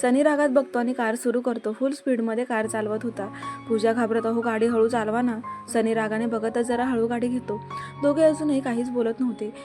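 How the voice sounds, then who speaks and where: A woman narrating a serial story in a brisk, plain storytelling manner. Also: a little high, fairly even intonation. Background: background music.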